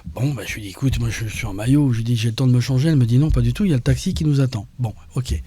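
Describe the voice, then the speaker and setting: Man guest, dark mellow tone, halting personal testimony. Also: mid-range voice, husky, no room sound. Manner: halting storytelling with many restarts. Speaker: interview guest.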